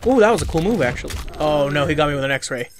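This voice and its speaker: Young male let's-player, slightly high voice, reactive and mumbly, with game music playing clearly underneath. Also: expressive, fast. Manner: reactive, groans and mutters at setbacks. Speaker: let's play gamer. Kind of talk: casual gameplay commentary. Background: game music and sound effects.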